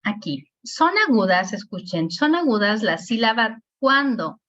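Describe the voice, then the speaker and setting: A woman's voice: fairly high pitch, sing-song, unhurried, a bit bright. A woman teacher giving an online grammar lesson, patiently breaking words into syllables and checking in with her students. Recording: dull lo-fi sound.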